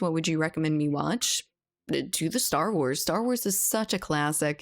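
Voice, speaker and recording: A woman's voice: sits low, a little mellow. A woman with an American accent chatting casually with viewers as a game livestreamer, reading comments aloud.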